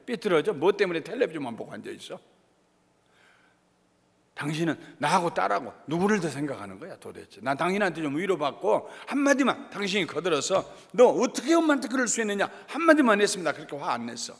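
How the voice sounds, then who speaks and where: A fed-up wife, as a male pastor puts her on, rattles off indignant complaints at her husband. Her voice is gravelly and husky, with a long echo from a church hall. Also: fairly high pitch, very animated, pitched above the performer's own voice, exaggerated voice. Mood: exasperated scolding. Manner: indignant, rapid scolding. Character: exasperated wife scolding her silent husband.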